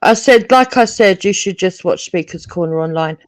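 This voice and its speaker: A man from London joining a live panel debate over an online call, his voice breaking up on a weak internet connection as he speaks haltingly with many ums. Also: high voice, dry recording.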